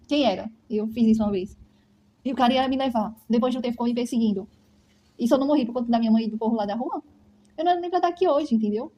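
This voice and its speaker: Rapid, emphatic Brazilian woman giving testimony, fairly high pitch, slight background noise. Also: dark tone. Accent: Brazilian Portuguese. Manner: emphatic, keeps asking "entendeu?". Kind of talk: personal testimony to camera.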